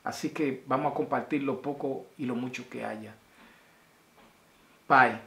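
A man's voice: medium pitch, a little slow, vocal fry, fairly bright tone. A man, talking casually and affectionately to his viewers in a video message, rambling and sending blessings from a small room at home. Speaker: vlogger. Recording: roomy echo.

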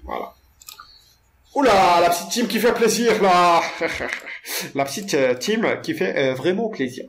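Slow-talking joking gamer guy. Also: sits high, fairly bright tone, a little hiss or hum. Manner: joking and rambling, talks to viewers, stammers repeated words. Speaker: gamer narrating his own play. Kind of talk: casual let's-play commentary.

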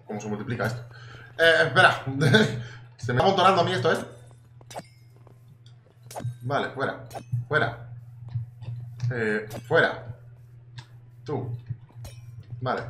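Young Spanish gaming host, excitable and chatty, swears a lot; swinging pitch, roomy echo. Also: male voice. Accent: Spanish from Spain. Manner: excitable, swears casually, chatty asides to viewers. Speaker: gaming YouTuber. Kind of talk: casual gameplay commentary. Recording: echoey room with faint noise.

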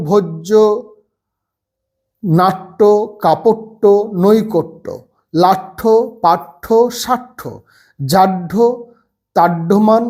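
Patient teacher drilling a class. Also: male voice, high voice, darkish tone. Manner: slow, patient word-by-word drilling. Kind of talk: children's reading lesson. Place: seated at a table.

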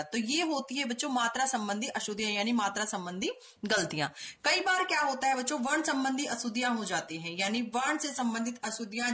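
A woman teacher giving a patient grammar lesson to schoolchildren, often repeating key words and reading example sentences slowly. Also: high voice, sharp tone. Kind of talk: online Hindi grammar lesson for children.

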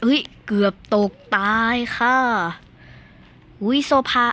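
A young woman chattering excitedly through casual gameplay commentary, squealing at near misses and talking to her viewers. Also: a little high, slow. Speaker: gaming video host.

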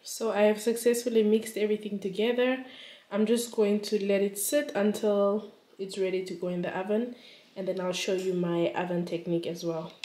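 A woman's voice: medium pitch, fairly even intonation, moderate pace, mellow. A young woman chatting casually in a home cooking vlog, rambling along with lots of filler words. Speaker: vlogger. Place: home kitchen. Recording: echoey kitchen, distant camera mic, kitchen clatter.

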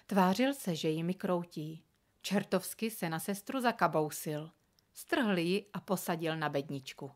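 A woman reading a children's story aloud with expressive, animated narration. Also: fairly low pitch. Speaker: reader.

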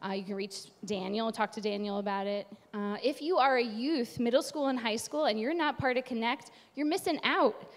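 A woman's voice: a little high, moderate pace, hardly any pauses. A woman from New York with a Long Island accent, chatting on stage about volunteering with the church youth group. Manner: bubbly, chatty, laughs easily. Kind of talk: live church announcements. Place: church sanctuary. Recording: long reverb of a large church hall.

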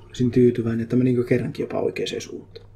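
A man giving casual commentary while he plays a game live, chatty and prone to excitable outbursts in English. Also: mid-range voice, gravelly, slight background noise. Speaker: streamer. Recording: game music behind voice. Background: game music.

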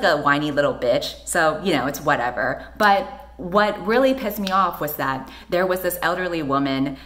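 Low-voiced woman, sarcastic storytime. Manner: animated, sarcastic, swears a lot, gestures broadly. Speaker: vlogger. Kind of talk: storytime vlog, casual and profane. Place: small plain room indoors.

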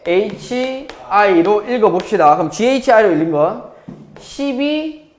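Lively high-voiced man teaching math. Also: normal speed, a little hiss or hum. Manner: lively, constantly checking with students. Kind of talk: live classroom lecture. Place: classroom. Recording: echoey classroom.

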